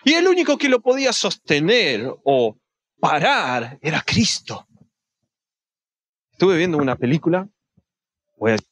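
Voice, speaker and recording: A man preaching a sermon, animated and acting out little scenes with voices. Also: mid-range voice.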